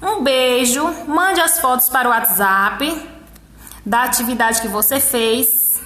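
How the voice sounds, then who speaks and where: A woman teacher with a Brazilian Portuguese accent, explaining a workbook lesson to young children and counting syllables slowly one by one. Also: on the high side, sharp tone, roomy sound. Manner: slow, syllable-by-syllable counting, encouraging. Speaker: primary school teacher.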